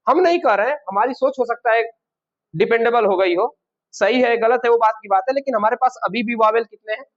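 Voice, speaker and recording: A man with a high-pitched voice teaches grammar to a classroom. He keeps firing questions at his students and then supplies the answers himself. The recording sounds dull and low-fidelity. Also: a little fast. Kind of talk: classroom lesson.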